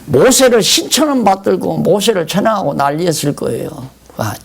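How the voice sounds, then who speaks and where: Older male pastor, Bible lecture sermon; slightly high, very lively delivery with acted-out complaints. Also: moderate pace. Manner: animated, acts out complaints to God in a raised voice.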